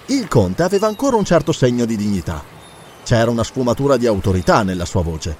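A man narrating an adventure audiobook in a dramatic, expressive storytelling style. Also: medium pitch, quick pace, a little hiss or hum.

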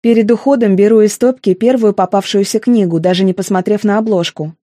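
Woman narrator for a first-person audiobook; intimate, emotional read, mellow tone, dry. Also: mid-range voice, fairly even intonation, brisk, no room sound.

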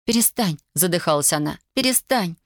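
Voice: medium pitch, fairly quick, dry recording, clean studio sound, natural voice. A narrator voicing a stubborn young woman, frightened but defiant, in a thin, raised voice in an audiobook. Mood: pleading. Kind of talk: audiobook reading.

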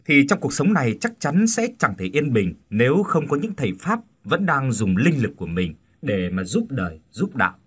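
A man's voice: medium pitch, big pitch swings, normal speed, hardly any pauses, a bit bright, breathy edge. A man, host of a story channel, formally and politely introducing a tale.

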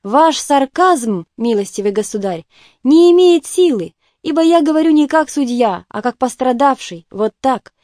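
A woman's voice: high-pitched, lively intonation, moderate pace, dark tone, no room sound, clean studio sound. A woman reading an audiobook, voicing a bitter, self-pitying male doctor who groans and breaks into agitated outbursts.

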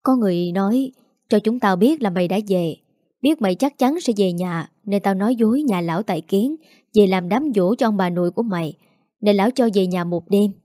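A woman's voice: mid-range voice, a little fast, no room sound, clean studio sound, lightly acted. A woman voicing a nagging, emotional peasant mother in her forties. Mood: fussing. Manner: sharp nagging, scolding.

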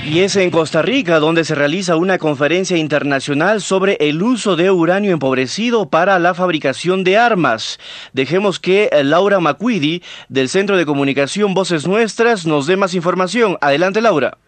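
A man hosting a radio news program, announcing in a brisk, clear scripted manner. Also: high-pitched, no room sound.

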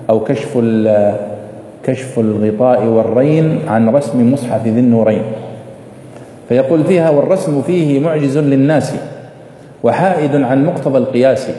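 A man's voice: mid-range voice, dark tone, a little hiss or hum. A man giving a classroom lecture, explaining and asking his students questions as he goes. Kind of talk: classroom lecture on Quran script. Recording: echoey hall with long reverb.

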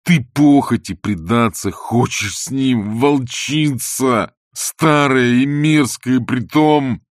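Man playing a pompous husband, whining, theatrical, slow drawl, dry close sound. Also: on the low side, breathy edge, no echo. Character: pompous self-pitying husband, middle-aged.

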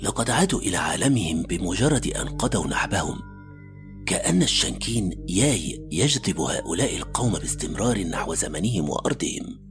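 A man's voice: low-pitched, sing-song, fairly quick. A man playing an anxious, analytical male doctor who narrates a radio horror story in a suspenseful, formal literary manner. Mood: bewildered. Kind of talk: dramatic first-person radio story narration. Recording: faint music under the voice. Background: faint background music.

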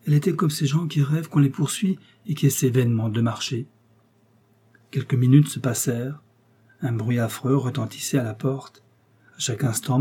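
A man narrating a classic adventure novel as an audiobook, in a steady and dramatic reading. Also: medium pitch, breathy edge.

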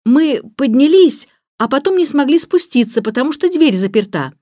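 Lady putting on a high yelling little boy, loud and pleading, dry sound. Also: very animated, measured pace, dry recording. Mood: shouting. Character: excited shouting young boy trapped on a roof.

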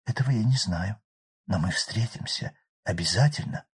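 A man voicing the quiet, near-whispered soul of a dead young woman in a storybook. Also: on the low side, moderate pace, breathy edge. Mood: hushed sorrow. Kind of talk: audiobook character voice.

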